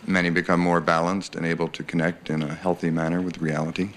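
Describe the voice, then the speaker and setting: An actor playing a self-assured psychiatrist giving formal, clinical testimony in a TV courtroom drama. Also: male voice, sits low, little pitch movement, quick pace, fairly bright tone, a little hiss or hum. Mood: measured. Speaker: psychiatrist expert witness. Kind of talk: television courtroom drama acting.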